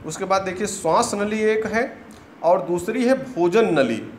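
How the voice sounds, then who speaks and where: Guy teaching grammar, kinda high voice, slow and patient, echoey room with a bit of hiss. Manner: slow, patient, repeats terms one by one. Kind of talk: grammar lesson explaining a diagram.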